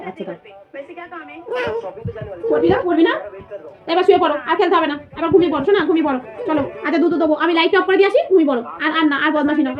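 A young woman playfully coaxing her little son to sleep in a sing-song, cooing, teasing voice at bedtime. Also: very high voice. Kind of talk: playful baby talk at bedtime. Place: bedroom at night. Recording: dull lo-fi phone audio with background noise.

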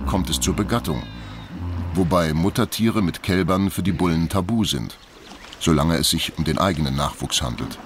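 A man reading scripted nature documentary narration in a measured, factual storytelling manner. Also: low voice, slight background noise.

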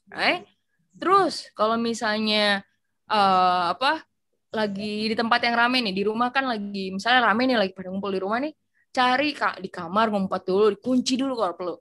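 A young woman teaching an English class online, chatty and full of everyday examples. She slips back and forth between two languages. Her voice sits at an ordinary middle pitch and comes through a video call. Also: moderate pace, fairly bright tone. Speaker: English tutor. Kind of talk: online training session, mixing Indonesian and English.

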